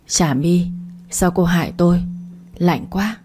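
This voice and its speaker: A woman voicing a cold, vengeful female ghost with slow, drawn-out moaning. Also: on the low side, warm tone, husky, faint music behind. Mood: eerie, accusing.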